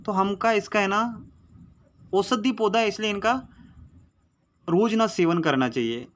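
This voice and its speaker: A man's voice: high-pitched, a little slow, fairly bright tone. A man teaching exam memory tricks in a chatty, coaxing way. He repeats his mnemonics over and over and keeps calling his viewers friend. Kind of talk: casual chatty Hindi lesson. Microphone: phone recording.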